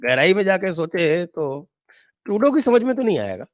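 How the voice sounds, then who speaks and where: A man hosting a political debate, cutting in with measured remarks. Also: sits high, sing-song, dry recording.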